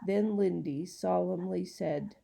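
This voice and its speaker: A woman narrating a children's storybook in a gentle, unhurried reading style. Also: fairly low pitch, gravelly. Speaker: audiobook reader.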